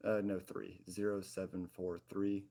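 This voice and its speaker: A man's voice: deep voice, level tone, a little slow, creaky, dark tone. A man in casual military game chatter, speaking hesitantly as he helps out. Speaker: player assisting with grid references.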